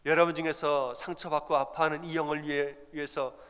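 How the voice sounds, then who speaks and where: A man voicing a soft, consoling church elder who asks a congregation for prayer. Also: fairly high pitch, little pitch movement, brisk, smooth, in a large hall, close to an everyday voice. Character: gentle church elder comforting a youth.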